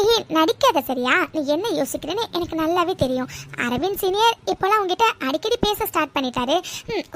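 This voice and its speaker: Cartoon sidekick, young college woman, teasing and prying, very high voice, a woman plays her. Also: a bit bright.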